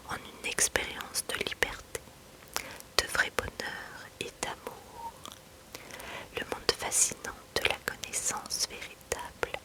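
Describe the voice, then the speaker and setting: Woman, soft library whisper, ASMR book presentation, slow unhurried pace, chatty. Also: poor audio. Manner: unhurried, chatty delivery mixed with reading aloud. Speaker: ASMR host presenting self-help books.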